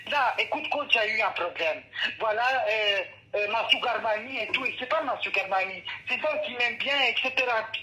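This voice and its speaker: A stressed, whiny young man calls in to complain, stumbling and repeating his words, as a man plays him. His voice comes through bright and edgy. A crackly phone line hisses faintly under him. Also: extremely high pitch, moderate pace, exaggerated voice. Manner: stammering, repeats himself, complaining. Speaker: caller. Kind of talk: comedy phone-in sketch.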